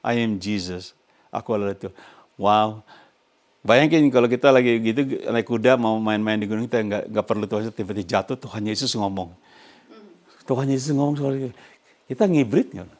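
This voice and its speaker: Preaching with energy, this older male pastor laughs frequently and mixes English phrases into his sermon. His voice is lowish and his pace brisk.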